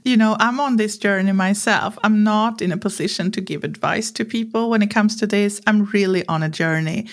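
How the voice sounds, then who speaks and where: A podcast guest in her forties, this Swedish woman speaks English as a second language with a Swedish accent, at medium pitch and moderate pace with hardly any pauses. Animated and candid in her storytelling, she acts out what others said and laughs while talking.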